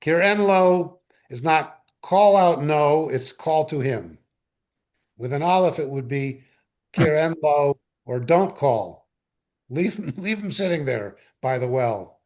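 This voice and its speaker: A man teaching a Hebrew Torah study class, explaining verses slowly and acting out the characters with playful humor. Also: a little high, animated, a little mellow. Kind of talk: informal class lecture. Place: study class in a synagogue room.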